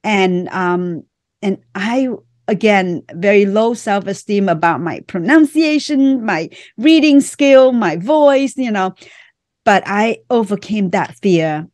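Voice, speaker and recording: A woman's voice: medium pitch, a little mellow, no room sound. A middle-aged woman from Vietnam with a Vietnamese accent, speaking earnestly in short phrases as an author being interviewed on a podcast. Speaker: author and guest.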